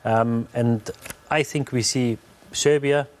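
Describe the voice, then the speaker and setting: A man's voice: medium pitch, steady tone, takes it slowly. A man giving post-match football analysis as a pundit, thinking aloud with many fillers and restarts.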